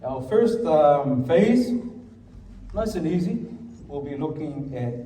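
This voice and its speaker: A slow, animated, slightly high and mellow male voice preaches in a church hall with a Samoan accent, alternating Samoan and English and calling for the congregation's amen. The bilingual sermon is captured from afar in an echoey church, with some hiss or hum.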